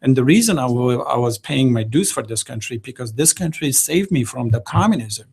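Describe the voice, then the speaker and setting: A man's voice: medium pitch, expressive, brisk, darkish tone, breathy edge. A middle-aged man from Afghanistan with an Afghan accent, speaking passionately as a guest in a radio studio interview, in non-native English. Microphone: desk microphone.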